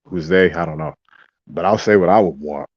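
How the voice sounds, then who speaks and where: Man, very low voice, rambling casual monologue, dry close sound, muffled lo-fi. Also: brisk, dry recording. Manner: rambling, wandering asides and mock voices. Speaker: vlogger.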